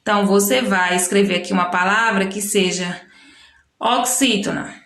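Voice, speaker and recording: A woman's voice: mid-range voice, gravelly, a bit bright, roomy sound. A Brazilian woman teacher giving a recorded lesson to young pupils, explaining patiently and often correcting herself. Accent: Brazilian Portuguese. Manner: slow, patient explaining with frequent self-corrections. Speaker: primary school teacher. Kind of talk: recorded remote lesson walking through a textbook.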